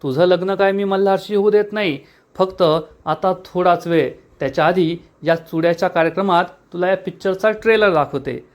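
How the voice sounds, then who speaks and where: A man's voice: sits high, normal speed, lightly acted. A man voicing a scheming, bossy woman of the house who gives curt orders. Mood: stern scheming. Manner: curt, commanding.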